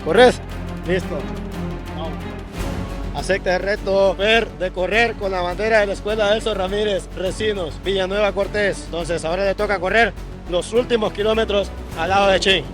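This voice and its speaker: A man's voice: high-pitched, normal speed. A man giving casual on-location commentary as a vlog narrator and interviewer outdoors by a road. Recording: outdoor road sounds, music behind voice.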